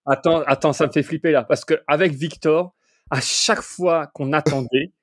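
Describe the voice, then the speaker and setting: A man taking part as a guest in a casual podcast quiz, chatting and thinking out loud with many fillers. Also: on the high side, fairly even intonation, normal speed, no echo, studio quality.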